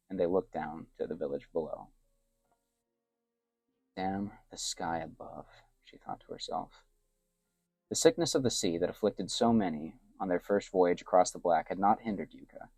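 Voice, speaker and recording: A man with a very low, deep voice reads an adventure tale in a soft, hushed storytelling manner. His voice sits close and dry, with almost no room sound around it. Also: brisk, dry recording. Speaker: narrator. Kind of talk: soft-spoken story narration.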